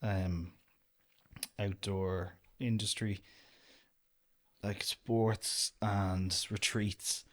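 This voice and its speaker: Relaxed Irish man chatting casually. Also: lowish voice, very slow, pauses often. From Ireland. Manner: relaxed, rambling, lots of "do you know". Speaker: guest, outdoor business owner. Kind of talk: casual interview chat.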